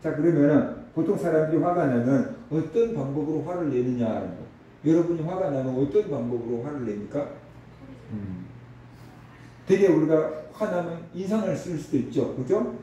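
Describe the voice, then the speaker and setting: A man's voice: on the high side, lively intonation, moderate pace, warm tone, highs cut off, a little hiss or hum. A man preaching a sermon as a pastor, talking conversationally and asking the congregation rhetorical questions. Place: church sanctuary. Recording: distant echoey hall recording.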